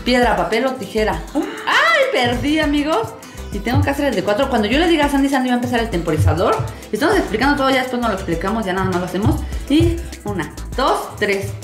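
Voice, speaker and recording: A woman hosting a toy channel in a casual, playful way, with a bright, sing-song, excitable delivery. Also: on the high side, fast. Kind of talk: casual playful presenting to camera. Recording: roomy echo, music underneath. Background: background music.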